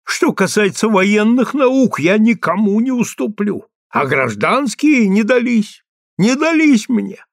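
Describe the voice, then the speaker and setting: A man voicing a gruff, simple-minded old army major who blusters excitedly. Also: high voice, takes it slowly, no room sound, clean studio sound, pitched above the performer's own voice, full character voice. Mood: blustering.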